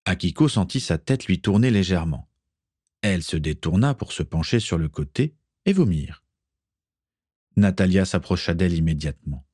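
A man narrating an adventure novel aloud in an expressive storytelling manner. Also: low voice, moderate pace, breathy edge, no room sound, clean studio sound.

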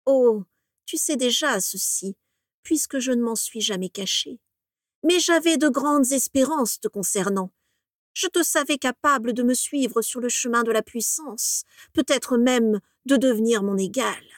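Voldemort, a woman voicing a cold scornful dark lord. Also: a little high, no echo, studio quality, pitched above the performer's own voice, natural voice. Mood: contemptuous. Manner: slow, cutting, disdainful.

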